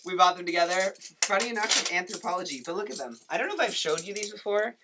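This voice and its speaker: A cooking show host giving a jokey home cooking demo in a kitchen, talking with playful asides and deadpan jokes. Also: mid-range voice, fast, very noisy.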